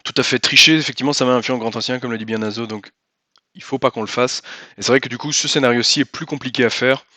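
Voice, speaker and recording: A man's voice: medium pitch, steady tone, quick pace, sharp tone, no room sound. A man giving casual gameplay commentary, thinking aloud as he explains rules and moves and repeating himself for emphasis. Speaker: host and player of a cooperative card game.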